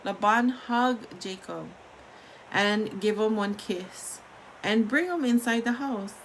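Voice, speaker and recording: A woman's voice: medium pitch, slow, a little hiss or hum, rough recording. A woman with a Hawaiian Pidgin accent reading a story aloud in an informal, conversational way.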